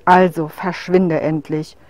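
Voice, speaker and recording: A woman's voice: sits low, flat delivery, slow, darkish tone. A woman voicing a huge young male wolf in a storybook tale, blunt and scornful, talking with a growl.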